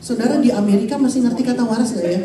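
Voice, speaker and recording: A woman in her forties, a pastor preaching a lively sermon and calling out to her congregation. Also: on the high side, rapid-fire, crowd noise. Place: church hall. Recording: echoey hall, voice from far off.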